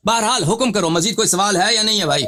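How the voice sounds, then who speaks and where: Insistent high-voiced man arguing. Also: music in the background. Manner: insistent, interrupts, repeats questions. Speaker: host debating a caller. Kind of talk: heated live debate.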